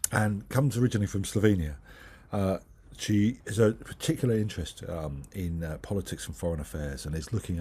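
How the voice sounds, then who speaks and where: Short-of-breath man with a low, husky voice. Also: mellow. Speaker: host introducing speakers. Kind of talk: spoken introduction at an online talk.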